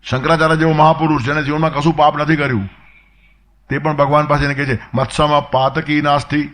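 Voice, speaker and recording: A man's voice: on the high side, level tone, quick pace, a bit bright. An older man with a Gujarati accent giving a spiritual discourse, telling a story and acting out the characters' lines, with sudden emphatic bursts. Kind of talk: sermon with told story.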